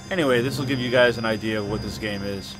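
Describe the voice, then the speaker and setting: A man's voice: lowish voice, quick pace, over music, poor audio. A man chatting casually as he streams a video game live. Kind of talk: casual live gameplay chat.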